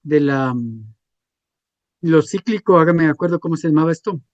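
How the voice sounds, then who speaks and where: A man's voice: a little high, moderate pace, dry recording, muffled recording. A man, teaching a class and checking in with students through frequent questions. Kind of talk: classroom lecture.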